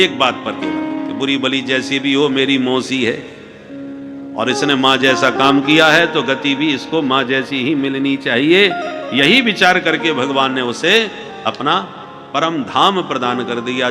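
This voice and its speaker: A man telling a devotional religious story as a sermon, slipping into folk dialect for the characters and chanting refrains. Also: mid-range voice. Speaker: kathavachak. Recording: hall reverb with music.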